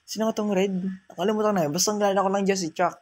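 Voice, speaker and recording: A man's voice: high-pitched, fairly even intonation, very fast, slight background noise. Chatty Filipino man playing a mobile game. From Philippines. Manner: chatty, mutters to himself and the game, mixes English and Tagalog. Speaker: gaming channel host. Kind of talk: casual mobile game commentary.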